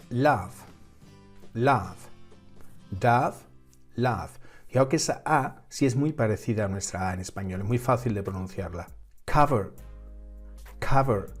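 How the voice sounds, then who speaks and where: A man with a Peninsular Spanish accent teaches English pronunciation, going patiently through each rule step by step. His voice is warm and mellow, sitting at an average pitch, and he repeats each example word. Soft music plays faintly underneath. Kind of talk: scripted lesson.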